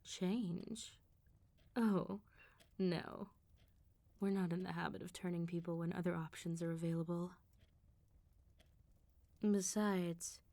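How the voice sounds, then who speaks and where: In the role of a vampire mob boss, a woman murmurs in a soft, intimate, ASMR-like way, her voice low, dark, and mellow. Her manner is persuasive and probing; the control and smooth talk never slip, and beneath the teasing calm lies a quiet threat.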